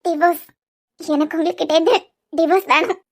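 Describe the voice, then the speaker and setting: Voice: fairly even intonation, moderate pace. A voice actor playing a hurt but resolute young wife in a cartoon serial, with a Kanyakumari Tamil accent, pleading yet firm. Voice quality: very high, bright voice.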